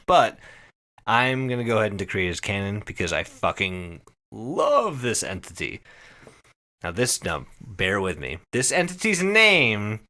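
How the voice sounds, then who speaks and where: A man with a lowish voice hosts a podcast, explaining things to his friends in a casual, comedic way. He is animated, conversational and sweary.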